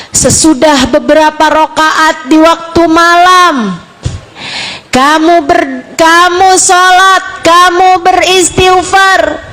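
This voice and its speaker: A woman's voice: very high-pitched, a bit bright. A woman preaching a sermon to a women's study group, talking heartfelt and acting out examples and prayers.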